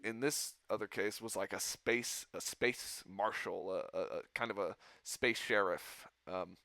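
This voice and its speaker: A man's voice: on the low side, measured pace, creaky, sharp tone, dry recording. A man hosting a podcast, telling a rambling story in casual chat and laughing often. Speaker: podcast host.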